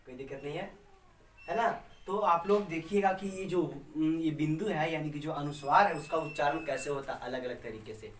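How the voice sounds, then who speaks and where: A man teaching grammar to camera, feeling a little unwell, who keeps checking in with "है ना" and slows down to dictate rules. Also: fairly high pitch, reverberant, recorded from a distance, slight background noise. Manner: repeats "है ना" and "है कि नहीं" as checks, speaks slowly while dictating. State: slightly unwell, voice a little changed. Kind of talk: classroom-style lesson to camera.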